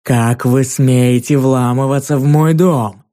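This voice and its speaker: A man's voice: medium pitch, steady tone, warm tone, close to an everyday voice. A man voicing a roaring fire giantess. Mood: menacing. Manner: roaring, slow and threatening. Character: huge fiery female giant, menacing and vain.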